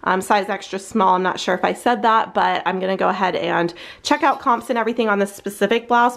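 A woman in her thirties chatting casually through a thrift haul vlog, upbeat, with frequent fillers. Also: mid-range voice. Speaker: thrift reseller vlogger. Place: small home storage room with shelves.

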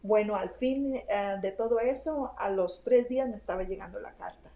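A woman's voice: medium pitch, moderate pace, a crowd in the background, poor audio. A woman telling a story to a host in a casual chat, full of fillers and asides. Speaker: interview guest.

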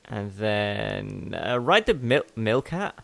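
A man's voice: on the low side, big pitch swings, slow, creaky. A young man giving casual gameplay commentary as a let's play host, chatty and rambling, often correcting himself mid-sentence.

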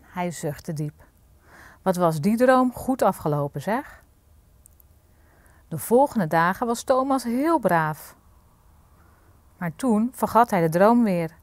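A woman reading a fairy tale aloud for children, in an expressive storybook manner. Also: medium pitch, a little slow, long pauses, no echo.

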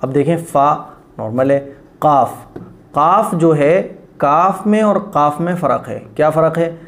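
A man teaching Quran pronunciation, patiently stretching out letter sounds and often asking whether it is clear. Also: a little high. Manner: slow, drawn-out demonstration of letter sounds; patient, repeats each sound and asks if it is clear. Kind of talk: pronunciation lesson.

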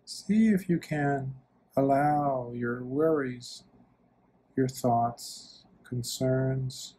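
Guiding a meditation as a monk, a man with a mid-range voice offers short, gentle, soothing phrases separated by long pauses. The recording is rough, with slight background noise.

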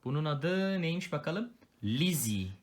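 Here a dad opens a toy together with his little girl, coaxing her along in a playful, gentle way. His fairly high voice is expressive and unhurried, and the scene is a relaxed family toy unboxing.

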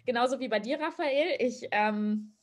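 A young woman from Germany argues lively on a video call from a small room at home. Her voice is slightly high, and she drops in English phrases. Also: normal speed. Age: young adult. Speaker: activist, panel guest. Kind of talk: online panel discussion.

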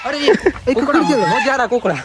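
A man bantering excitedly and joking with friends while touring a farm. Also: extremely high pitch, brisk, over a noisy crowd. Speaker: friend on the vlog. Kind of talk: casual banter. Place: outdoors at a farm.

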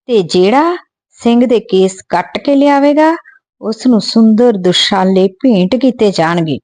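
A woman reading aloud the orders of a cruel, vengeful male Mughal governor in a storybook, speaking loudly and commandingly. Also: mid-range voice, animated, measured pace, lightly acted.

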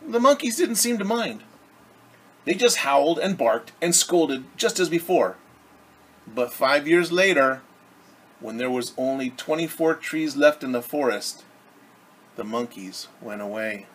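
A middle-aged man with a slightly high, fairly bright voice reads a story to kids like a teacher, using lively intonation and a measured pace. He explains words simply as he goes. The setting is a home living room, with the camera at arm's length and clear room noise behind him.

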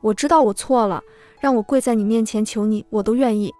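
A woman's voice: a little high, brisk, mellow, soft background music, natural voice. A woman voicing a desperate man who keeps begging forgiveness in a read-aloud story, in a plain self-abasing manner. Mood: pleading. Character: pleading, groveling man who wronged the narrator.

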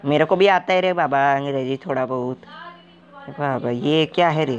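On a muffled recording, a man speaks in a steady mid-range voice, lightly acted, as a gaming video character. He's a clueless, excitable, uneducated wanderer talking through a game, baffled and jittery, jumpy and naive, who ends nearly all his comic lines with a long "re baba."

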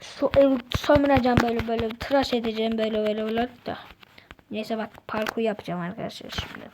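A woman giving casual, excitable gameplay commentary, talking to herself and her viewers as she plays. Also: a little high, fast, noisy background. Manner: chatty, excitable, talks to self and viewers. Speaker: gaming channel host.

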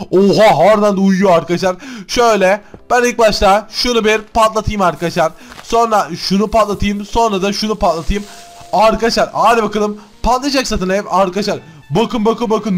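A man doing excitable Minecraft gameplay commentary, constantly calling out to his viewers. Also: sits high. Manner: excitable, keeps addressing the viewers. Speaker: gaming YouTuber.

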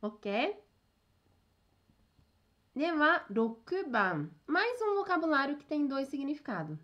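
Lively, high-voiced woman teaching online. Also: takes it slowly, dull audio. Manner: chatty, keeps checking in with "né?" and "ok?", laughs at herself. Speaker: Japanese teacher. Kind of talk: online language lesson.

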